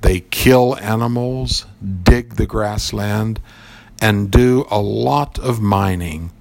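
A man's voice: fairly low pitch, slow pace, vocal fry, dry recording. A man voicing a worried bee who gives an earnest warning in a storybook reading. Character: worried male bee of the grassland.

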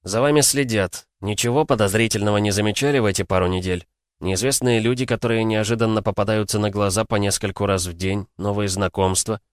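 A sly investigator leans on his listener with calm, persuasive insistence, voiced by a man reading a novel. His voice sits a little above the reader's usual register. The sound is close and dry. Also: on the low side, brisk, no echo, lightly acted. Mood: explaining. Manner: persuasive, pressing. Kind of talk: audiobook character voice.

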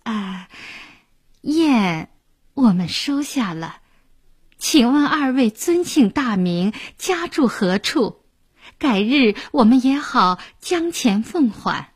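A woman storyteller voicing a shy young noble maiden who speaks softly and hesitantly. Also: fairly high pitch, sing-song, slow, slightly rough, full character voice. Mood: bashful. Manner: soft, hesitant, bashful.

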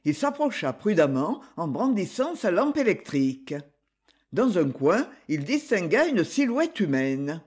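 Expressive male audiobook narrator. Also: high voice, measured pace, slightly rough.

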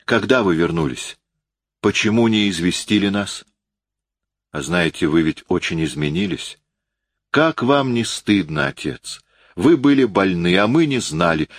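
A man's voice: low-pitched, big pitch swings, unhurried, dry recording, clean studio sound, pitched above the performer's own voice, exaggerated voice. A man reading an audiobook, voicing an affectionate young woman who chides and teases. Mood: chiding. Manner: chiding, playful.

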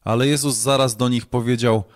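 A man reading scripture aloud in a measured, solemn way. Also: medium pitch, steady tone. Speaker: scripture reader.

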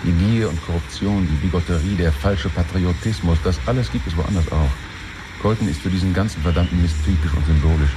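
An actor playing a friend in a radio drama, who lectures in a measured way about politics. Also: male voice, deep voice, over music, natural voice. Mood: lecturing. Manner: lecturing, measured, later heated.

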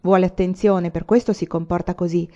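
A gentle pioneer mother gives soft, patient counsel as a woman reads her part. The voice is mellow and warm. The recording is a little dull. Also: on the low side, steady tone, fairly quick, natural voice.

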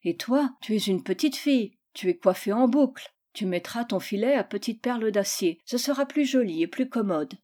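A woman voicing a gentle, patient mother in a storybook reading. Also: on the high side, lively intonation, normal speed, few pauses. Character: gentle, pleading young mother.

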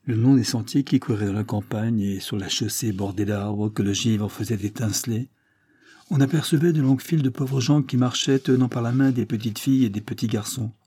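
A man narrates a classic novel in a steady, even storytelling manner. His voice is dark and mellow with a husky grain. The recording is dry and close. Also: mid-range voice, no room sound. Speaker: audiobook narrator. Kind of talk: literary audiobook narration.

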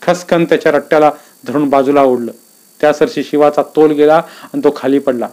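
A man reading a story aloud in a calm, measured, descriptive way. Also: fairly high pitch.

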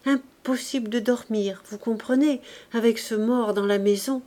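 A woman's voice: a little high, steady tone, normal speed, mellow, natural voice. A woman reading the lines of a coy, sighing young lady in mourning.

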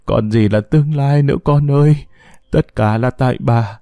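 Brief: man doing an old grandmother in an audio story, high, broken, desperate shouts. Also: lively intonation, normal speed, dry recording, clean studio sound, natural voice.

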